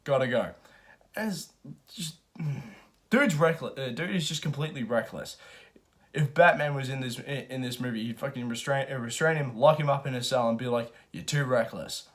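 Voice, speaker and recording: A man giving a casual, rambling film review, excited and profane. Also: medium pitch, normal speed.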